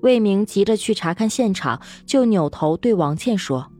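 A woman narrating a serialized novel in an expressive storytelling manner. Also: mid-range voice, normal speed, faint music behind. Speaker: audiobook narrator.

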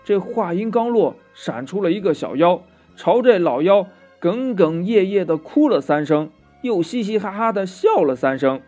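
A man's voice: sits high, lively intonation, moderate pace, darkish tone, highs cut off, soft background music. A man narrating a children's story in a lilting manner, drawing out sentence-end particles.

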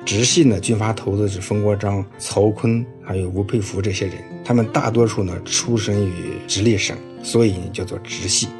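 A man's voice: lowish voice, fairly even intonation, normal speed, few pauses, music in the background. A man giving a scripted audio lecture on writing, in a storytelling tone, padding his phrases with filler particles. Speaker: writing instructor.

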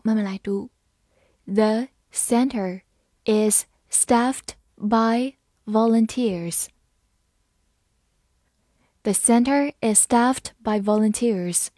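A woman teaching English vocabulary in a scripted lesson, spelling each word letter by letter and reading example sentences slowly. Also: fairly high pitch, a little mellow, no echo, studio quality.

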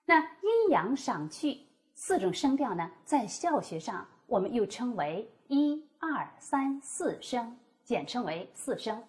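Lady teacher going over tones, pitch swings all over, bit high voice. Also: big pitch swings, takes it slowly, darkish tone. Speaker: Mandarin pronunciation teacher. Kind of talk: scripted teaching dialogue.

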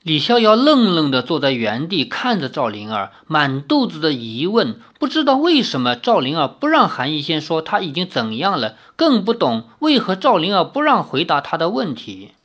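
A reader narrating a novel in an expressive storytelling manner. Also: mid-range voice, normal speed. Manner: expressive, shifting voices for dialogue.

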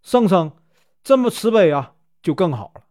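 A man's voice: high voice, sing-song, normal speed, a little mellow. A man with a Northeastern Mandarin accent voicing a courteous, grateful elderly landlord who speaks deferentially. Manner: polite, deferential.

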